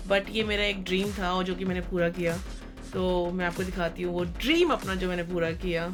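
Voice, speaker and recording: A young woman chatting through an excited unboxing vlog, mixing in English phrases. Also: fairly low pitch. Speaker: vlogger.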